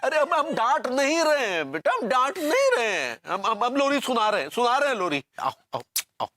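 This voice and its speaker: A flustered, stammering husband. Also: male voice, very high voice, big pitch swings, moderate pace, sharp tone, slight background noise, exaggerated voice. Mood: coaxing. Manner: exaggerated, stammering and sing-song. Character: flustered middle-aged husband soothing childlike wife. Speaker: sitcom character. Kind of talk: broadcast sitcom acting.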